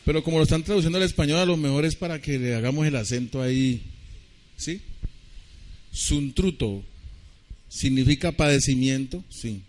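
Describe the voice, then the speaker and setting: A man's voice: on the high side, fairly even intonation, a little mellow. Man preaching to a congregation. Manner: conversational preaching, asks the congregation questions and spells words slowly. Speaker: pastor. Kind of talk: sermon. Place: church.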